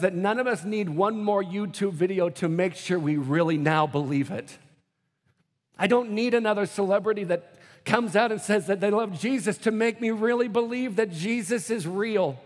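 A man preaching a sermon as pastor, moving between hushed, slow prayer and loud, quick bursts, acting out scripture scenes in mock voices. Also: high-pitched, long reverb tail. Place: church auditorium.

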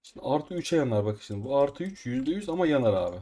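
A man's voice: mid-range voice, fast talker. Man narrating gameplay over keyboard clicks. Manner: excitable, frustrated outbursts while upgrading items. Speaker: gaming video host. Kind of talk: casual gameplay commentary. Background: keyboard typing and mouse clicks.

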